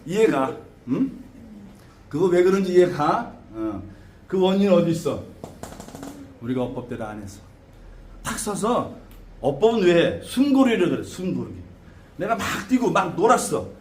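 A man teaching students as a shaman teacher, lecturing in an animated way with frequent tag questions and laughter. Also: sits high, normal speed, pauses often. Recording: echoey room with faint background noise.

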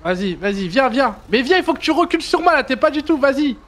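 A man gaming with a friend, chatting excitedly with rapid, playful exclamations. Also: very high voice. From France. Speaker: gamer.

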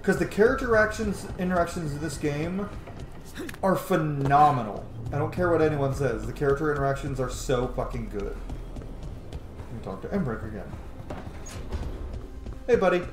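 Expressive and a little high-pitched, this thirty-something man talks at normal speed but pauses often, with music playing in the background. He streams a game with excited, profane, casual commentary, and the recording has roomy echo and game ambience noise.

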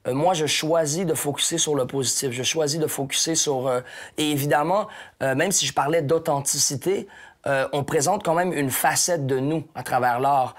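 Wearing a lapel mic in a small lounge studio, a Québécois-accented hip-hop guest in his thirties responds to interview questions with care, pausing and starting over often. He speaks at a normal pace in a voice a little on the high side.

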